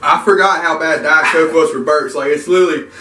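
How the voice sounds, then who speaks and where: A man's voice: fairly high pitch, steady tone, fairly quick, bright, forceful tone. A young man in casual, slangy, joking banter during a challenge video. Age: young adult. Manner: jokey, slangy. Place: small bare indoor room. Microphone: camera several feet away. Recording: echoey, noisy room, distant mic.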